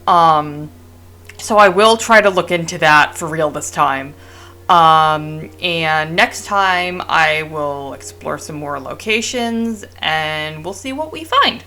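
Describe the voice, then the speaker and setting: Give me a low-voiced woman doing casual let's play commentary, chatty and full of fillers. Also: animated, takes it slowly, sharp tone.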